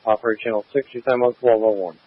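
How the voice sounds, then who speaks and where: Fast, flat male dispatcher on tinny radio. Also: on the low side, husky. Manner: procedural, clipped. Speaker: fire alarm dispatcher. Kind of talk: radio dispatch, formal read-backs. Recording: tinny, phone-like radio channel.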